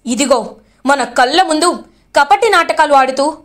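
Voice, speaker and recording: A woman reading a furious young brother, high and urgent; storybook drama. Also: lively intonation, measured pace. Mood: angry. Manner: emotional, accusing. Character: angry young man, wronged brother.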